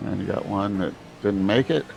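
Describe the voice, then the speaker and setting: A man's voice: on the low side, normal speed, vocal fry, a little mellow, a little hiss or hum, rough recording. A man acting as a race spotter on the radio, giving short position calls and casual encouragement to the driver.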